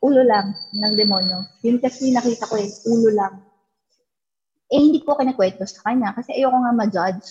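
Woman, husky voice, casual storyteller who acts out quoted lines; dull lo-fi recording. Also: a little high, brisk, darkish tone. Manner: mixes English into Tagalog, acts out quoted dialogue. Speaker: guest telling a ghost story.

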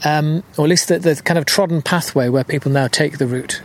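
Storyteller musing on a country walk. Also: male voice, a little high, brisk, a little hiss or hum. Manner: musing, hesitant with many fillers. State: a little out of breath. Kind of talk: outdoor walking narration. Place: outdoors on a countryside hill.

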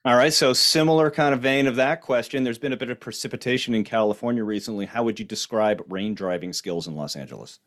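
A man's voice: medium pitch, quick pace, hardly any pauses, a bit bright. A man hosting a conversational interview, playful and prone to restarts and fillers. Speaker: podcast host.

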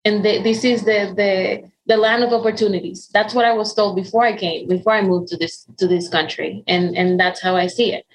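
A Dominican woman in her forties, speaking with a Dominican Spanish accent, tells her story as an interview guest in a conversational interview. Her mid-range voice has fairly even intonation, and she talks a little fast with hardly any pauses, earnest and full of ums and restarts. The recording is rough.

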